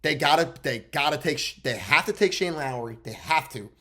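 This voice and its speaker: A young man co-hosting a casual sports podcast, talking in a blunt, excitable way and swearing freely. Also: on the high side, moderate pace. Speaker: podcast co-host.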